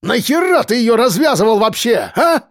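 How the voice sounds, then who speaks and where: A man voicing a raspy, bellowing mayor. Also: very high-pitched, big pitch swings, normal speed, no echo, clean studio sound, voice pushed up, heavily acted. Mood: raging. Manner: bellowing, cursing, bullying. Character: furious foul-mouthed middle-aged male mayor.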